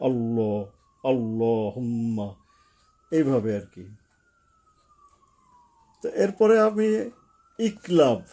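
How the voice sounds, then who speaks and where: A man with a mellow, warm voice, teaching a class at a board. He walks through each rule step by step, then goes back over it. His voice sits at a middle pitch. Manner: explains step by step, repeats rules.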